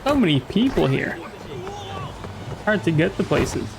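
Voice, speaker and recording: Higher-voiced man casually commenting on gameplay. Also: sing-song, a little slow, creaky, noisy background. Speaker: gamer commenting on play. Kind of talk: casual let's play commentary. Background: video game music.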